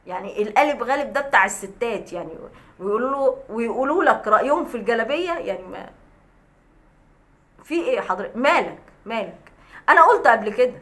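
A woman's voice: fairly high pitch, lively intonation, quick pace, bright, forceful tone. A woman with an Egyptian accent, a vlogger ranting at a critic in a sarcastic, scolding way with scornful laughs. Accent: Egyptian Arabic. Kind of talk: mocking rant to camera.

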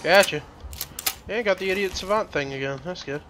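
A man's voice: sits high, a little fast, music in the background. A man giving casual gameplay commentary, profane and joking, muttering to himself as he plays.

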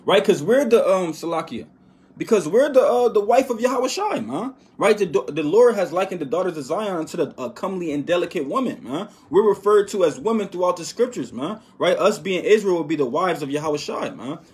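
A man giving an informal Bible lesson, reading verses slowly and with emphasis, then dropping to a quiet "man" or "right?" after each point. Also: sits high, lively intonation. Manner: reads verses slowly and loudly, tags lines with "right?" and "man". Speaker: bible teacher. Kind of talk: informal scripture teaching.

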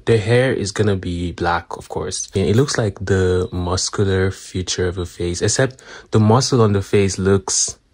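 A young man in casual vlog chat, relaxed and chatty, filling his talk with likes and you-knows. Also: low voice. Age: young adult. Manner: relaxed, chatty, uses lots of fillers. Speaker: vlogger. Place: indoors at home and at a campus library.

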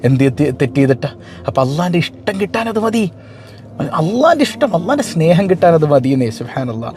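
Guy preaching, high voice, talks fast, keeps asking the crowd stuff. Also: very animated, a little mellow, a little hiss or hum. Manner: emphatic, often asks the listeners questions. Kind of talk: storytelling religious sermon.

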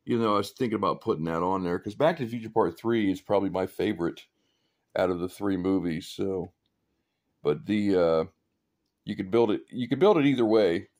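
A man with a fairly low voice talks casually while filming his own models in a hobby room. His delivery is relaxed and rambling, full of small fillers and quiet chuckles. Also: a little fast. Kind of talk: casual show-and-tell chat.

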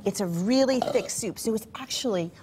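A woman's voice: fairly high pitch, normal speed, a little mellow, a little hiss or hum. A middle-aged woman cooking instructor walking through a recipe step by step on a TV studio kitchen set, friendly and explanatory. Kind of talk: cooking demonstration on a TV show.

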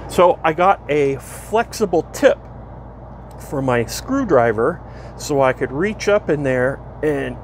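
A man narrating his own repair work in a relaxed, rambling way, thinking aloud with fillers and self-corrections, recorded inside an old motor coach. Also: mid-range voice. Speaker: DIY vlogger restoring a vintage motorhome. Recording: steady background hum, noisy.

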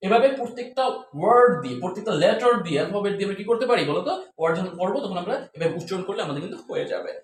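A man gives a spoken English lesson, his pitch swinging widely as he quizzes viewers on each letter. He drills sounds again and again. The room is echoey and a faint hiss sits behind him. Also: rapid-fire, hardly any pauses. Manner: animated, keeps asking the viewers questions. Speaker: English teacher.

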